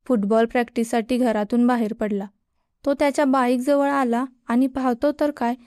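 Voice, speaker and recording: A woman calmly reading a romance story as the narrator. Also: fairly high pitch, clean tone, no room sound, studio quality.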